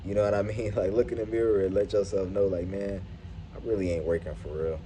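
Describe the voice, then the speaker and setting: A man's voice: low-pitched, flat delivery, fast, warm tone, a little hiss or hum. A man giving a casual, earnest motivational vlog through a face mask, slightly muffled, in slangy, profane speech addressed straight to viewers. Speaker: YouTube vlogger. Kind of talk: casual motivational monologue to camera. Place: at his workplace.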